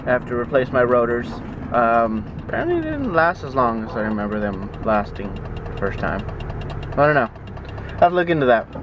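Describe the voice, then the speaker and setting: A man's voice: mid-range voice, sing-song, a little fast, lo-fi sound, background noise. A man chatting casually in a daily vlog, rambling and amused at himself. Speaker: vlogger.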